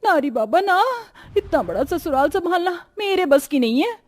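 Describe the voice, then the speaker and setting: Cartoon bride, young woman, lazy schemer, whiny and theatrical, high and swooping, voiced by a woman. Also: expressive, normal speed, darkish tone. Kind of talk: Hindi cartoon voice acting.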